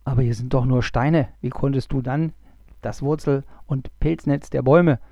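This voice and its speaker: A man's voice: medium pitch, fairly even intonation, moderate pace, warm tone, no room sound, lo-fi sound, natural voice. A man voicing an impatient male forest creature in a storybook reading, who keeps interrupting and pushing the others to hurry.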